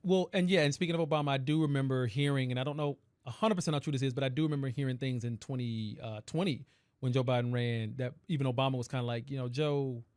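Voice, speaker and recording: A man's voice: medium pitch, steady tone, quick pace, a little mellow, smooth, dry recording. Brief: man co-host, mid-range voice, easygoing argumentative talk, dry studio mic. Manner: conversational, hedging, builds long arguments. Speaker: podcast co-host. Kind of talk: casual political chat.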